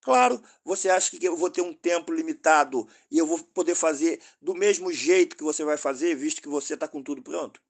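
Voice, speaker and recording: A Brazilian man hosts a channel and directly rebuts an opponent in a combative monologue. His voice sits slightly high, and his speech is pointed and argumentative. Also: fairly quick, few pauses. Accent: Brazilian Portuguese. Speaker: host.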